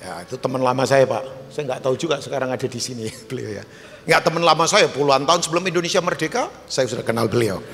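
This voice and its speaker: A man pastor preaching a sermon in a church, animated and emphatic, joking with the congregation. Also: medium pitch, quick pace, gravelly, slight background noise. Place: church hall. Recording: live church hall with long reverb.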